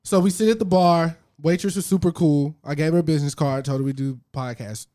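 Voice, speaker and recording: A man's voice: fairly high pitch, brisk, mellow. A man co-hosting a podcast, talking in a laid-back, reflective way. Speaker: podcast co-host. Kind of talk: casual podcast chat.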